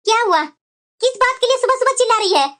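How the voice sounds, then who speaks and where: A woman's voice: animated, quick pace, fairly bright tone. A woman voicing a suspicious, quarrelsome middle-aged mother-in-law in a cartoon, nagging and accusing. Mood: angry, accusing. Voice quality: shrill, very high cartoonish voice. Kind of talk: Hindi cartoon voice acting. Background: background music.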